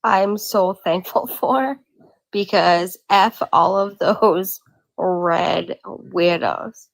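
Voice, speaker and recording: A woman's voice: lowish voice, steady tone, very slow, creaky, no room sound, poor audio. A woman from Massachusetts talking bluntly in a casual video-call chat, swearing freely. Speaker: guest.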